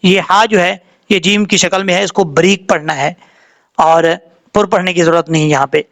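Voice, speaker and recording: A man teaches tajweed in a patient, methodical way, spelling out letters and vowel marks one by one. His voice sits fairly high for a man. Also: fairly even intonation, fairly bright tone. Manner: patient, explains rules step by step, then recites slowly drawn out. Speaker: Quran recitation teacher.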